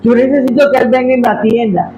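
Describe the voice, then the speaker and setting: A preacher acting out a haughty, indignant general. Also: male voice, very high voice, takes it slowly, dull audio, over music, pitched above the performer's own voice. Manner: haughty, demanding questions. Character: proud, indignant foreign army general, male.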